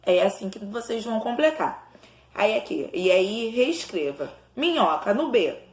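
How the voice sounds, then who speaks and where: A woman teacher, giving a recorded lesson to young pupils and sounding words out slowly, syllable by syllable. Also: mid-range voice, animated, roomy sound. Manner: slow, syllable-by-syllable enunciation for children. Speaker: primary school teacher.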